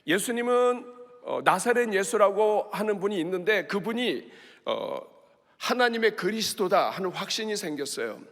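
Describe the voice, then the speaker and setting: A male pastor preaching a sermon with passion, acting out a beggar's cries in loud shouts. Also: sits high, expressive, moderate pace. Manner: impassioned, acts out the blind man's cries with shouts. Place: large church sanctuary. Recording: long reverb of a large sanctuary.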